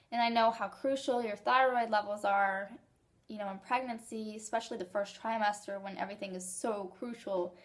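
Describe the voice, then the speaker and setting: A young woman talking casually to her viewers in a rambling, excited and emotional way, with hiccups. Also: mid-range voice. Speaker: vlogger sharing fertility journey. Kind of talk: casual vlog.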